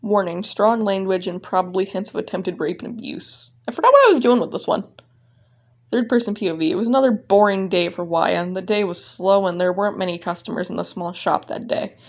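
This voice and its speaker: Brisk and animated, a mid-range female voice reads the writer's own fan fiction in a casual way, breaking off for offhand commentary. It's captured with a dull, low-fidelity microphone.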